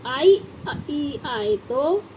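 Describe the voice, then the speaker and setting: A woman's voice: sits high, expressive, extremely slow, warm tone, a little hiss or hum, poor audio. A woman teaching a phonics lesson to children, spelling words out letter by letter and asking them questions. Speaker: English teacher.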